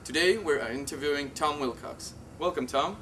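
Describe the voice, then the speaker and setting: A man with a fairly high voice hosts an interview and asks light, teasing questions. He sits some way from the mic. Faint background noise runs under his voice. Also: normal speed, far from the mic. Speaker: interview host.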